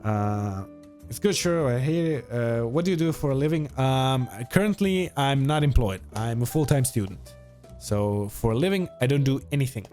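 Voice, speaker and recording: A Croatian-accented man in his twenties answers viewers on a livestream, chatting casually and sharing his opinions. His mid-range voice is a little mellow and he talks at a normal speed, with music playing behind him.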